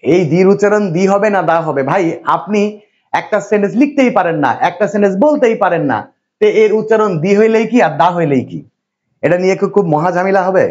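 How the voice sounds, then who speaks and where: A man from Bangladesh lecturing a classroom, his voice a little higher than most men's. He talks in a repetitive, reassuring way and keeps quizzing his students. The recording is dull and lo-fi. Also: lively intonation, fast talker, a little mellow. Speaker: English teacher.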